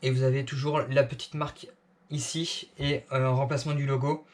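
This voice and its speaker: A man's voice: mid-range voice, flat delivery, a little fast. A man casually reviewing clothes he bought, with many fillers and restarts.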